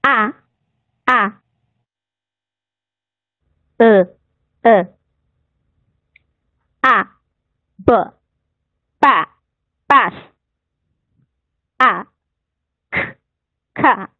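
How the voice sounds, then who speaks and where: Halting, very slow woman student. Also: fairly high pitch, bright, forceful tone, no echo. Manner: hesitant, halting, polite. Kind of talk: reading sounds aloud in online lesson. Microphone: voice chat. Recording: dull dry voice chat audio.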